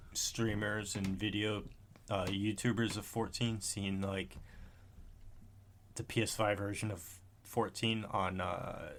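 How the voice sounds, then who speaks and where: Lowish in pitch, with slight background noise, a podcast co-host in his thirties chats casually in a room at home. He rambles and corrects himself as he goes, tossing in the occasional swear word.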